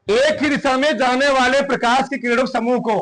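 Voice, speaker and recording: A male physics teacher dictating a classroom lecture, repeating phrases slowly and quizzing his students. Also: extremely high pitch, fairly even intonation, a bit bright.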